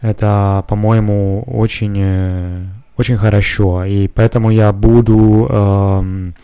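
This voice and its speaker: An Italian man with an Italian accent hosts a solo podcast in a language he has learned, speaking hesitantly with lots of filler sounds. His voice is on the low side with little pitch movement, slow and warm, and the audio is clean with no room sound.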